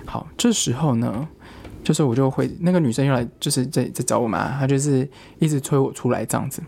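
A man's voice: mid-range voice, fairly quick, gravelly, dark tone, a little hiss or hum. A young man, a student, telling a rambling personal story in casual chat, with frequent restarts.

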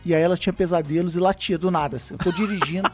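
A man, telling lively anecdotes in a casual chat and acting out what people said. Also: high voice, very fast, soft background music. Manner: lively storyteller who acts out quotes. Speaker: podcast co-host.

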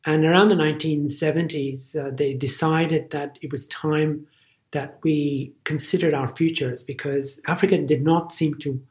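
A man's voice: fairly high pitch, fairly even intonation, normal speed, a little mellow. Earnest Irish-accented man, middle-aged. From Ireland. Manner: earnest, emphatic repetition. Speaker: physician guest. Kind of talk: podcast interview.

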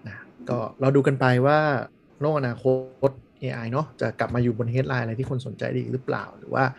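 A man chatting casually on a podcast, blunt and animated, swearing freely. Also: medium pitch, fairly quick, gravelly, muffled recording, a little hiss or hum. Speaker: podcast host. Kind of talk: casual chat.

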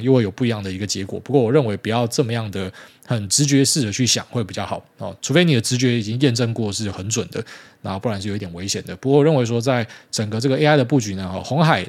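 A man talks through a solo podcast at a brisk clip. His voice sits somewhat low, and his relaxed commentary is dotted with casual sentence-final particles. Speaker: podcast host.

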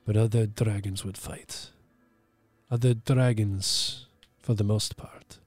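Ancient benevolent male dragon, as a game master puts him on: deepened, slow, measured, hushed, mock-Russian accent. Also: dry recording, soft background music. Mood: calm, peaceful. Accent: put-on Russian-like accent. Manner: slow, calm, measured pronouncements.

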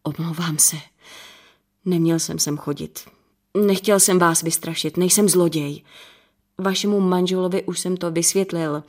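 A woman's voice: fairly low pitch, steady tone, a little mellow, close to an everyday voice. A woman reading the part of a stocky, apologetic village man in his sixties, explaining himself earnestly in an audiobook.

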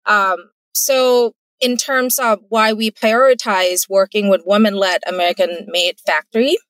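Guesting on an interview, a Thai entrepreneur gives relaxed answers in a medium-pitched, fairly bright voice with a Thai accent, earnest and careful but quick to laugh. The recording is dry and poor in quality.

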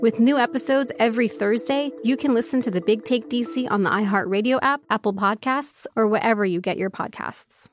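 A woman reading a scripted promo for her news podcast in a crisp, polished way. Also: on the high side, normal speed, few pauses, soft background music. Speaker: podcast host in an ad.

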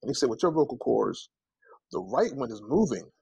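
A medium-pitched male voice with vocal fry and some breathiness moves at a moderate pace. The speaker, a singer in an interview, shares lively anecdotes with reenacted dialogue, lots of conversational asides, and repeated "you know" and "man."

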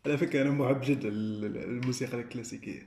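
A man's voice: medium pitch, fairly even intonation, very fast, vocal fry, darkish tone, roomy sound. A Libyan man in his twenties, a podcast guest, speaking in a reflective, hesitant way. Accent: Libyan Arabic. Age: 20s. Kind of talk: conversational interview.

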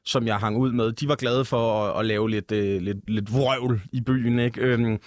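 A man's voice: mid-range voice, steady tone, dry recording, studio quality. A man from West Zealand, a stand-up comedian, telling stories in a casual chat with laughs and fillers. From West Zealand, Denmark. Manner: laid-back storytelling with lots of fillers and laughs.

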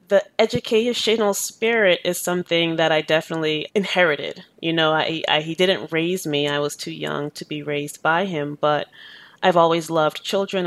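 A woman in her thirties, born in Jamaica, speaks earnestly and reflectively as an interview guest. Her mid-range voice carries a gravelly fry. She is recorded dry and close. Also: low-pitched, fairly bright tone, dry recording. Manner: thoughtful, earnest, many "you know" fillers. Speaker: educator and activist, interview guest.

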